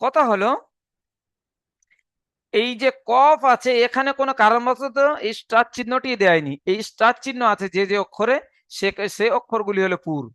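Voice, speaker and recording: A man's voice: sits high, a bit bright, dry recording. A man teaching an online Quran reading class, patient, repeating each letter and point twice.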